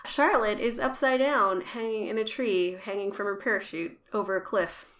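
A woman co-hosting a podcast, casually recapping an episode with wry asides and quick quoted lines. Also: mid-range voice, fairly bright tone. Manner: chatty, wry, quotes characters in quick voices. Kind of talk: casual chat and recap narration.

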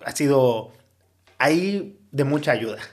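A Mexican man with a Mexican Spanish accent, chatting casually on a podcast and pausing often with fillers. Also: mid-range voice, animated. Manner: hesitant, many fillers. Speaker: podcast host.

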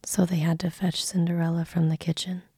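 Woman storyteller, ASMR fairy tale in a soft whisper, husky and gravelly, close and dry. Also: fairly low pitch, flat delivery, fairly quick, dry recording. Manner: soft unvoiced whisper throughout.

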